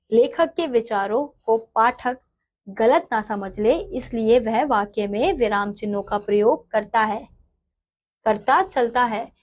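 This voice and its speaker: A woman teacher reading from a textbook and then explaining it in her own words, often going back to repeat or correct herself. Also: fairly high pitch. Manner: self-correcting, repeats phrases.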